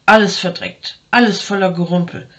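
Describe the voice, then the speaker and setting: A woman voicing an agitated man who shouts in a panic about his messy house. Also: lowish voice, fairly even intonation, normal speed, close to an everyday voice. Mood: frantic. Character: frantic house-proud man expecting a holy guest.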